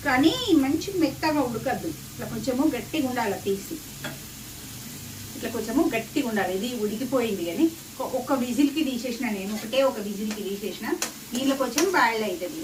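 A woman's voice: on the high side, background noise. A woman with a Telangana Telugu accent chats casually while cooking, rambling along and repeating herself. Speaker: home cooking vlogger. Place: indoor home kitchen. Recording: roomy, distant mic, clear kitchen sizzle. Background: sizzling oil, clattering pots and pans.

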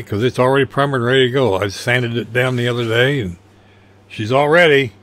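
A man's voice: mid-range voice, fairly bright tone. An older man casually narrating his model car build over photos, rambling and folksy with a self-deprecating humor.

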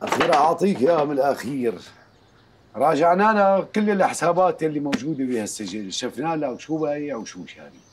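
A calm Syrian bookkeeper in a TV drama, played by a man, laying out his findings in an even middle voice. He talks at a brisk pace over faint background noise. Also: on the high side, close to an everyday voice. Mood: matter-of-fact. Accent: Syrian Arabic. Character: accountant friend, calm and matter-of-fact. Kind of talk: TV drama acting.

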